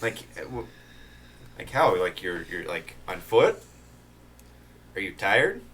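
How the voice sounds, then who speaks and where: Casting: man playing bemused bookish game adventurer, stammering, very animated and bright. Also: low voice, pitched below the performer's own voice, full character voice. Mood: surprised, hesitant. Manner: halting, stammering. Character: hesitant, bemused, good-natured bookish adventurer. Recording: faint background noise.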